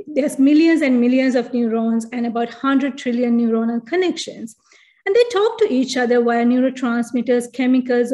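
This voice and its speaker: High-voiced Sri Lankan woman lecturing online. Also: a little mellow. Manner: explanatory, many fillers and restarts. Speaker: neurologist giving a talk. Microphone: video call.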